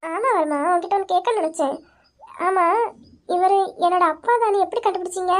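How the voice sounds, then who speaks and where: A woman voicing a clingy young wife in an audio drama, pleading and sobbing between her words. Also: fairly quick. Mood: sulky, coaxing. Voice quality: very high, girlish voice. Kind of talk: hobby audio drama acting.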